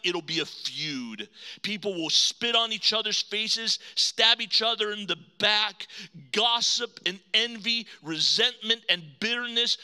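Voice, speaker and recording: A man preaching a sermon with a very bright, sharp tone. His voice sits high and ranges widely, and he swings between forceful emphasis and hushed, low-pitched lines. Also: smooth. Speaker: pastor.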